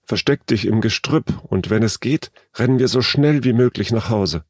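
A man's voice: fairly low pitch, normal speed, no room sound, clean studio sound, pitched above the performer's own voice, natural voice. A man voicing a bossy, urgent older girl. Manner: urgent and commanding. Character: brave, bossy older schoolgirl. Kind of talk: read story with character voices.

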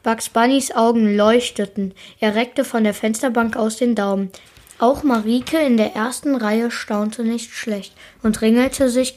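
A woman reading a children's storybook aloud in an expressive, steady way. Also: fairly high pitch. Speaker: book reader.

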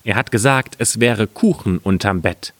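A man's voice: fairly low pitch, normal speed, a bit bright, no room sound, lightly acted. A man reading a fairy tale aloud, voicing a sly, cunning poor peasant in a slightly raised voice.

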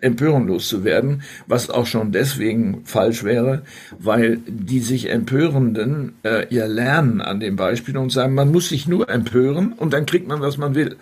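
Husky, thoughtful man. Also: mid-range voice, darkish tone. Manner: thoughtful, measured, with frequent hesitations. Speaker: podcast guest. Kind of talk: reflective conversational podcast talk.

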